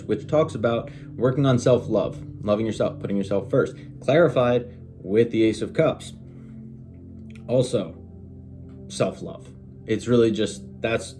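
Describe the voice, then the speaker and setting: A man at a bedroom desk talks through a tarot spread in a loose, chatty way, his voice sitting at an ordinary middle pitch. He mutters asides and curses at the cards now and then. Music plays clearly from a TV behind him. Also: dark tone. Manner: chatty, swears when frustrated, muttering asides. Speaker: tarot reader. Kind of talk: casual tarot reading to camera. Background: music playing on a TV.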